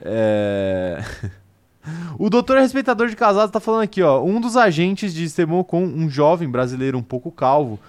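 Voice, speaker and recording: A young man with a Brazilian Portuguese accent co-hosting a casual live stream, animated, reading out viewer comments and joking with his co-host. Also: a little high, normal speed. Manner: animated, reads viewer comments aloud and jokes.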